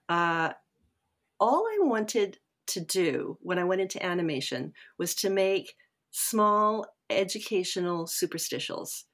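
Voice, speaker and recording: A woman guest in a casual interview, rambling and self-deprecating with many fillers and restarts. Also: lowish voice. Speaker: guest filmmaker.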